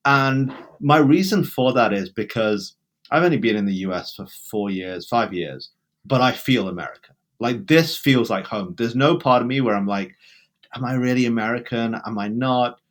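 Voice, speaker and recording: An Englishman with a British accent speaks at a medium pitch and normal speed. He's a guest in a conversational interview, talking emphatically in bursts and often restarting his sentences.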